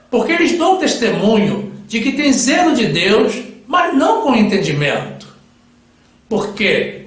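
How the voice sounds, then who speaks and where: A man's voice: high voice, a bit bright. A male preacher delivering a solemn sermon with Bible readings, addressing his listeners as brothers. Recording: very echoey room.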